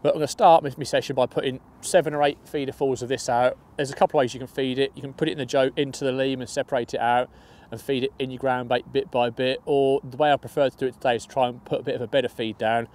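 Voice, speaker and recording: A young man, a match angler, talks quickly through his bait for a lakeside fishing tutorial, chatty and upbeat with some restarted phrases. His voice sits at medium pitch with a darkish tone and fairly even intonation.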